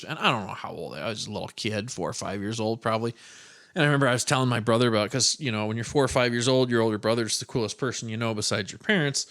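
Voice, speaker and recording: A man's voice: medium pitch, a bit bright. Male podcast host from Iowa; loose, profane, self-mocking storyteller. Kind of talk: casual storytelling monologue.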